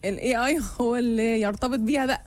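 A woman's voice: on the high side, steady tone, rapid-fire. A woman with an Egyptian Arabic accent co-hosting a show, chatting casually and playfully and reading out listener messages. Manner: playful, bantering. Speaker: radio show co-host.

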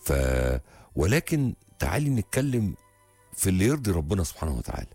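A man's voice: fairly low pitch, big pitch swings, fast, mellow, slightly rough, no echo, faint music behind. A man, hosting an advice show and counselling a caller in an emphatic, reassuring manner.

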